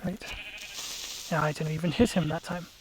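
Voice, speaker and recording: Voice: mid-range voice, fairly even intonation, moderate pace, background noise. A let's play gamer giving casual, chatty gameplay commentary, explaining tactics to viewers and sometimes dropping to a whisper.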